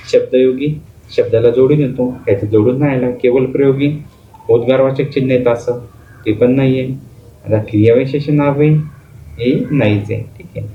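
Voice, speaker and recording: A male teacher giving an exam-prep grammar lesson, explaining step by step by asking questions and answering them himself. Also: mid-range voice. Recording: phone-like lo-fi audio with faint noise.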